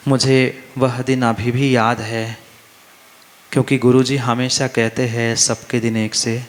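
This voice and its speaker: An emphatic Jain monk preaches in a medium-pitched voice inside a large, reverberant festival hall. His sermon repeats phrases and poses questions to the crowd, and the audio has the long reverb of the space.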